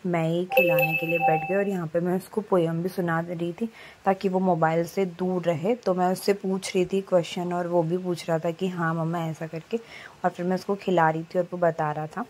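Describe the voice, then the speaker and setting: A woman's voice: fairly low pitch, flat delivery, moderate pace, darkish tone, poor audio. A woman narrating a voice-over over her vlog clips, recapping the day in a plain storytelling way.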